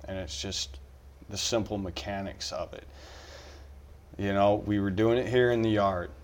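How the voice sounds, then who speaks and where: A man's voice: lowish voice, fairly even intonation, unhurried. A middle-aged man, a fishing guide, talking casually on a podcast, rambling with many restarts.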